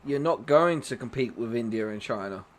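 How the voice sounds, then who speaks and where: A man's voice: mid-range voice, animated, normal speed. A man hosting a gaming livestream, chatting casually and jokingly with his viewers. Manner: chatty, joking, talks to chat by name. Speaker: livestream host.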